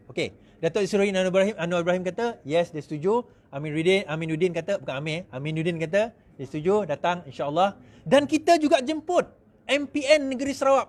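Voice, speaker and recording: A middle-aged man with a Malaysian accent, giving an animated speech to supporters, mimicking others in quick asides and laughing often. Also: high-pitched. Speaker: politician speaking to supporters.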